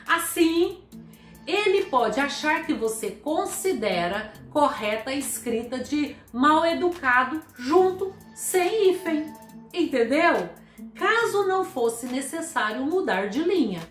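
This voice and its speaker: Lively high-voiced woman teacher. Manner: patient, asks the viewer questions, spells syllables slowly. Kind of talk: online grammar lesson. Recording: roomy echo with faint music.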